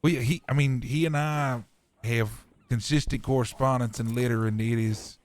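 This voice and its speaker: A man's voice: mid-range voice, steady tone, normal speed, no room sound, lightly acted. A man playing an earnest, folksy frontier preacher and schoolteacher in a live roleplay. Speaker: roleplay streamer.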